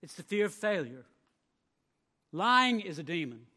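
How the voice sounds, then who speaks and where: A male pastor delivers his sermon in a high, ringing voice. He presses on key phrases and lets the loudness rise and fall, often repeating a word as he goes. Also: sing-song, measured pace. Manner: emphatic preaching with swelling volume and repeated words.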